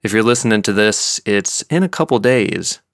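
An American man hosting a podcast in a laid-back, slangy way, with a smooth, sultry DJ-style voice. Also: on the low side, animated, moderate pace, no echo, clean studio sound. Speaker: podcast host. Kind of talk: casual podcast talk and interview.

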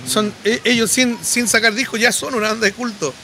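A man, a podcast guest and musician, telling anecdotes casually with lively restarts. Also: extremely high pitch, a little fast, a little hiss or hum. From Chile. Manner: animated anecdotes, frequent restarts. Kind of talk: casual storytelling.

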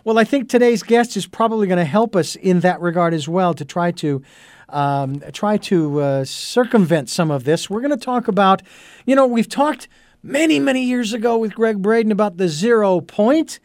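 A middle-aged man with a high voice hosts a radio talk show, wandering through his intro with plenty of "uh"s and restarts. The sound is dry and close, with no room around it. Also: expressive, normal speed, a little mellow, dry recording. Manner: rambling, with many fillers and restarts. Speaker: host.

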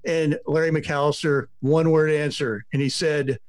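A man's voice: fairly high pitch, flat delivery, a little slow, dry recording. A middle-aged man, a sports reporter, telling rambling stories on a podcast and acting out what people said. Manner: rambling storyteller, acts out quotes. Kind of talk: casual podcast chat.

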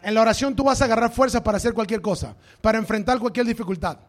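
A man's voice: sits high, racing. A male pastor preaching a sermon to a congregation in a church, emphatic and dropping into English phrases.

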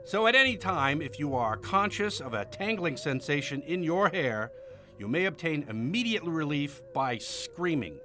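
Man as animated, pompous horror-film showman. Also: a little high, normal speed, background noise. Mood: solemn, gleeful. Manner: pompous, formal showman patter. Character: gleefully macabre showman, horror-film huckster. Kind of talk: parody of old horror film promo.

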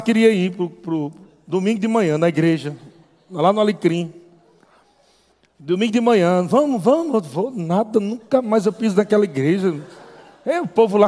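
A man telling a lively testimony as a preacher, acting out voices and laughing often. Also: sits high. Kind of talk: testimony sermon storytelling. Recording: long hall reverb.

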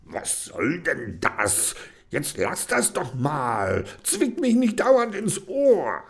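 A man voicing a grumpy, easily annoyed young boy in a storybook, with a gruff grumbling manner. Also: sits low, animated, a little slow, heavily acted.

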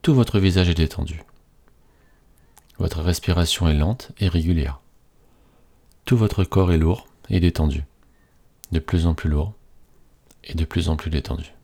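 A man reading a scripted guided relaxation in a slow, soothing, hypnotist-like manner with repetitive phrasing. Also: sits low, gravelly, warm tone, slightly rough.

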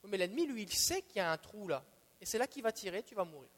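A man with a Quebec French accent teaching a Bible sermon as a preacher, emphatic and repeating his key phrases, swinging between soft asides and loud declarations. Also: sits high, sing-song, quick pace, in a large hall.

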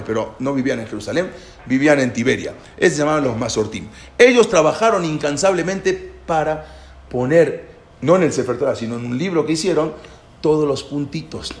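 A man's voice: medium pitch, creaky. A man giving an informal lecture, explaining with questions to his listeners and often repeating and restarting phrases. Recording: echoey room with faint background noise.

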